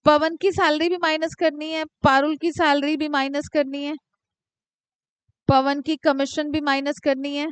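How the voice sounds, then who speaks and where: High-voiced teacher, dry close sound. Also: female voice, flat delivery, no echo. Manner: scolds and teases students by name, dictates slowly. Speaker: commerce teacher. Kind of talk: live classroom lecture.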